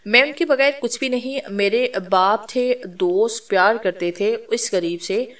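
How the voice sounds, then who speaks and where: A woman's voice: fairly high pitch, unhurried, a bit bright, distant mic. A woman reading as a bold young woman with spiritual powers.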